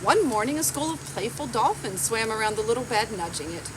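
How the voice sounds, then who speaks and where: Sitting on a garden bench outdoors, a library storytime reader of around forty reads a picture book aloud in a measured, expressive way. Her voice is a little high, and insects can be heard in the outdoor background noise.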